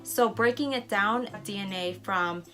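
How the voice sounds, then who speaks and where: Faint music plays as a young woman vlogger from the U.S., Spanish being her first language, talks in a mid-range voice without rushing. Her casual travel-vlog reaction is excitable, as she reads results aloud with surprised asides.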